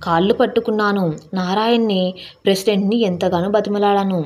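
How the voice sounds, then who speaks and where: A woman reads a scripted story with emotive, dramatic delivery. Her voice sits at a middle pitch for a woman. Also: steady tone, brisk, a little mellow. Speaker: narrator.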